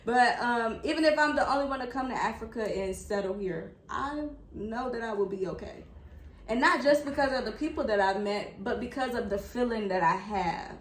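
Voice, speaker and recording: A woman's voice: fairly high pitch, moderate pace. A young woman vlogger, earnest and reflective, talking openly with her father over a meal. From United States. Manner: earnest and reflective, repeats herself for emphasis. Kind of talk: heartfelt sit-down conversation over a meal. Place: indoors at a table. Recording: echoey room with faint background noise.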